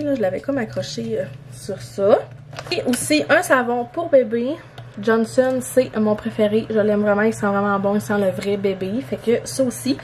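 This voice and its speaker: A woman's voice: fairly high pitch, darkish tone, slight background noise. A young woman with a Québécois French accent chatting casually in a vlog, rambling with lots of fillers as she shows things she bought. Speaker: vlogger. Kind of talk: casual vlog showing purchases.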